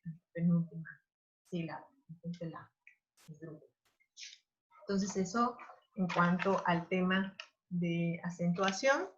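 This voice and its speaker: Slow, hesitant woman teaching online. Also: lowish voice, muffled recording. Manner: slow, hesitant with many fillers. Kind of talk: online class lecture.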